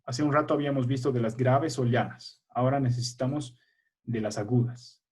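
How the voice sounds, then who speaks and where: A man's voice: mid-range voice, brisk, a little mellow, slightly rough. A man teaching a primary school language class over a video call, patiently quizzing his pupils and encouraging them. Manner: patient, encouraging, checks in often with "a ver" and "¿ya?".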